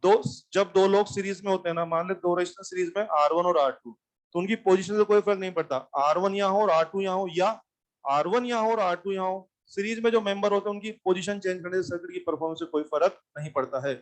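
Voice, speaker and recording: Male physics teacher, high voice, repetitive classroom explainer. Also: fast. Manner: addresses students directly, repeats points, tells them to sit and listen. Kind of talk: classroom lecture. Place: classroom with live students.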